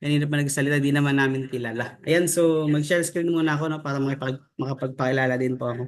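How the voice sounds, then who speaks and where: A young Filipino man talks fast at a medium pitch with fairly even intonation, leading a casual motivational training over a video call. He's chatty, reading out names and tossing "no?" and "di ba?" to the group often. Behind him is a home room with a staircase.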